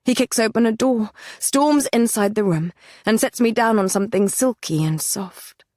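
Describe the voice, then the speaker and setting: A woman's voice: a little high, moderate pace, a little mellow, no room sound, studio quality. A woman narrating a first-person fantasy romance audiobook with an intense, dramatic delivery.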